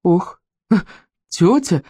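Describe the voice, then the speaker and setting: A sly little schoolboy from a storybook, played by a reader whines and pleads in a raised, lively voice. The sound is close and dry. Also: mid-range voice, quick pace, slightly rough, dry recording. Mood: whining. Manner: whining, pleading. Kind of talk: audiobook character voice.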